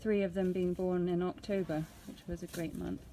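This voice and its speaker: A woman's voice: fairly low pitch, little pitch movement, normal speed. A woman giving casual live commentary outdoors as host, chatty and affectionate toward animals. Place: outdoors at an elephant nursery. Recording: outdoor ambience, clear background noise.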